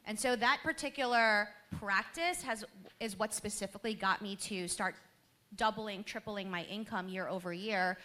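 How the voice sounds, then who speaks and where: A woman, speaking on a panel with lively storytelling and laughter. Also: medium pitch, normal speed. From Queens, New York. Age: 30s. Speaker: panelist, business owner. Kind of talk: panel talk to a live audience.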